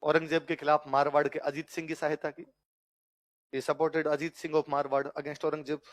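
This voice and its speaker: A man teaching history to exam students, repeating key lines in Hindi and then English for them to write down, and telling the story in a lively way while quizzing them. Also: a little high, moderate pace. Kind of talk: exam-prep lecture with storytelling.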